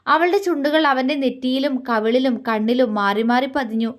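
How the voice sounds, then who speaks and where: A woman narrating a romantic audio story in a soft, measured storytelling manner. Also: high-pitched. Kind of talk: scripted narration.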